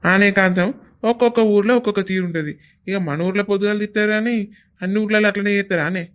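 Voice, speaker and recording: A man's voice: sits high, fairly even intonation, quick pace, fairly bright tone, clear, resonant tone. A man with a Telangana Telugu accent acting in a village comedy skit, talking in teasing, jovial banter.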